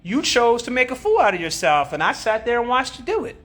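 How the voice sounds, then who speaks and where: A woman's voice: on the high side, brisk. A woman streaming live as a spiritual teacher. She answers comments casually, curses freely, jokes and laughs a lot, and often says a phrase two or three times in a row. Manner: profane, joking and animated, repeats phrases, laughs often.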